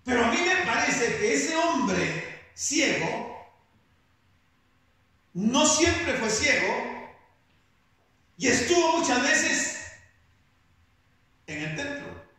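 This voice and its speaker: A man preaching a sermon, slow and emphatic, rising now and then into shouts. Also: very high voice, sing-song. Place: church hall. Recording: very echoey hall, voice picked up from a distance.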